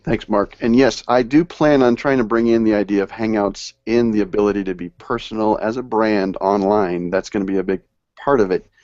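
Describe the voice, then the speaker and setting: A man's voice: lowish voice, fairly even intonation, brisk, darkish tone, dry recording, muffled recording. A man hosting a live online panel discussion, reading passages aloud and stressing key words. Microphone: video call.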